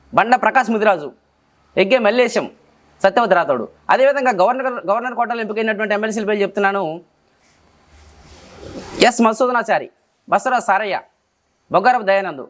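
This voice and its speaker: Telangana Telugu man, high voice, rattles off lists from memory, quick. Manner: rattles off long lists in an even, unbroken cadence. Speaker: interview guest reciting names from memory. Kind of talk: rapid memorized recitation.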